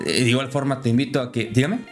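A man chatting casually on a live stream, friendly and lively, his voice jumping higher when excited. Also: fast, faint music behind.

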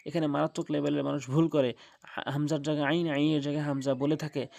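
A man gives a recitation lesson, sounding out Arabic letters with long held vowels and urging listeners to pay close attention. His voice sits a little high with a gravelly edge. The recording is dry and close, with no room sound. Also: level tone, darkish tone, no echo. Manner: drawn-out demonstrations of letter sounds; repeats points, urges viewers to watch closely. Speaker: Quran recitation teacher.

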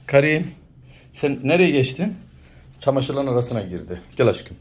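Coaxing woman with a lively voice. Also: a bass voice, moderate pace, slight background noise. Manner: coaxing, laughing, animated. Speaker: vlogger filming her pet monkey. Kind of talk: casual home vlog. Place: home indoors.

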